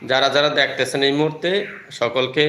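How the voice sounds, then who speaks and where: A man teaching Quran letter pronunciation, drilling each sound in slow repetition as in a class. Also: mid-range voice, little pitch movement, bright, forceful tone. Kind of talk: recitation drill lesson. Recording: echoey room, faint noise.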